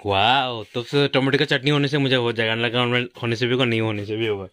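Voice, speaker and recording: A man's voice: fairly even intonation, quick pace, a bit bright. Young man chatting to his vlog viewers. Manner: chatty, addresses viewers as guys, coaxing the child in a high sing-song. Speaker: vlogger, father. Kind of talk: casual family vlog narration.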